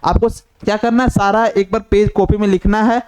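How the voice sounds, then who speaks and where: A high-pitched man explains a lesson step by step. He talks the way a teacher does in class, asking a question and then answering it, and he goes over each point again. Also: flat delivery, brisk, darkish tone, clear, resonant tone. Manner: repetitive, asks questions and answers them himself. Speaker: shorthand teacher.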